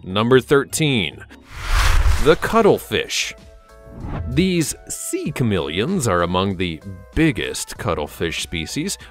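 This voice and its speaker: A man's voice: on the low side, a bit bright. A man narrating a scripted documentary countdown in a presentational, emphatic way. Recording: music behind the voice. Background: background music.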